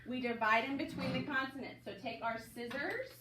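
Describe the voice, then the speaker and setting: A fairly quick, high voice belongs to a woman teacher leading phonics in class. She stays upbeat and coaxing, calling on students by name, and the distant mic picks up room echo and audible noise.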